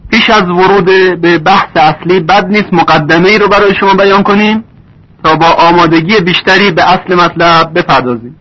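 A man teaching recitation rules in a lesson, stretching out example words slowly. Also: sits high, bright, forceful tone, husky. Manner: slow drawn-out example words. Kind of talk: tajweed lesson. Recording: dull lo-fi recording.

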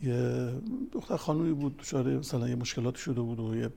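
In a gravelly, dark, mid-range voice, a religious speaker and family counselor tells counseling stories and cites scripture, becoming increasingly emphatic as his talk unfolds.

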